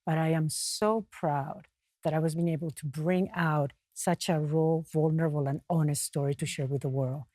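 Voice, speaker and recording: Woman from peru talking earnestly on a talk show, kinda low voice, stops to find her words, dry sound. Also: fairly even intonation, normal speed, warm tone, no echo. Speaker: guest author and mountaineer.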